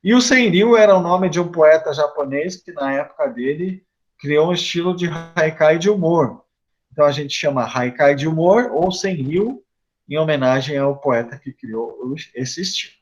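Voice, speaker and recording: A man's voice: fairly high pitch, animated, moderate pace, muffled recording. A middle-aged man with a Curitiba accent, a haiku poet as guest teacher, patiently explaining to a class and listing examples. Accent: Curitiba, Brazilian Portuguese. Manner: patient and explanatory, lists terms with frequent "né?".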